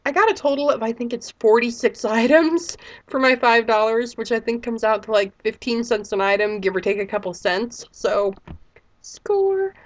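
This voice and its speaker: A woman's voice: fairly high pitch, normal speed. A woman in her thirties with a sick voice, chatting casually and rambling as a vlogger. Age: 30s. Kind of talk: casual chat.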